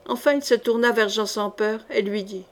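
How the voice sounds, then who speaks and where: A woman reading an adventure novel aloud as scripted narration, with expressive storytelling. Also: fairly high pitch, normal speed. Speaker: audiobook reader.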